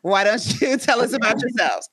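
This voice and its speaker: A woman hosting a podcast interview, enthusiastic and quick to laugh. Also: fairly high pitch, a bit bright, slight background noise. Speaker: podcast host. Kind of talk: casual interview.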